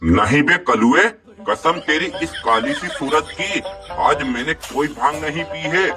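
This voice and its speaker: A man's voice: a little high, animated, unhurried. A man voicing a bossy, joking male potato who leads the vegetables in a comic cartoon. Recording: music playing behind.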